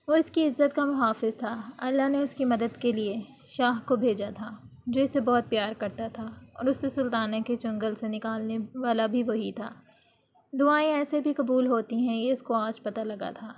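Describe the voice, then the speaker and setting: Woman reading a love story out loud, slightly high voice, steady pace. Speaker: novel narrator. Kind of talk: reading a romance novel aloud.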